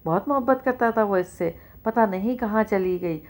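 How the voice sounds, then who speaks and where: A woman's voice: mid-range voice, a little mellow, lightly acted. A woman reading the part of a scheming, grieving older rich widow who gives curt commands.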